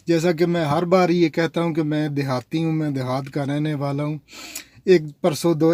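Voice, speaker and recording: Talking casually and rambling on, a Pakistani vlogger speaks right to his viewers, whom he calls "nazreen." His voice is on the high side and a little mellow, with no echo.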